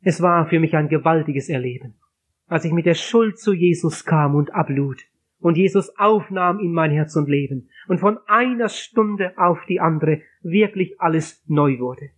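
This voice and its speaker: A man's voice: fairly high pitch, moderate pace. An older man preaching an emotional, fervent evangelistic sermon. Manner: fervent, emotional preaching with quoted hymns and psalms.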